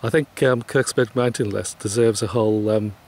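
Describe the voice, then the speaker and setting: A man's voice: fairly low pitch, fairly even intonation, moderate pace, a little mellow, a little hiss or hum. A man interviewing a guest in a polite, hesitant way, with many fillers. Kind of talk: conversational interview.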